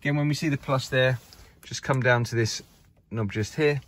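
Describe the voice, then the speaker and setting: A man with a mid-range, slightly bright voice speaks at normal speed. He's a car dealer presenting a used car in an indoor showroom, filming the casual walkaround on a handheld camera while walking and keeping the sales talk upbeat.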